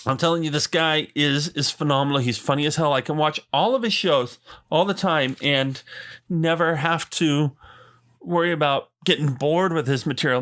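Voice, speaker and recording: A man in Arizona rants on his own solo podcast, rambling enthusiastically with plenty of fillers and asides. His voice sits on the high side and sounds a bit bright.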